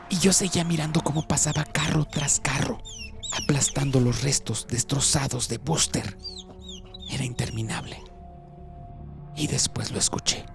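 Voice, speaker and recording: A man's voice: mid-range voice, gravelly, natural voice. A man voicing a haunted young man terrified by his nightmares, whispering and then crying out in panic, in a scripted horror story.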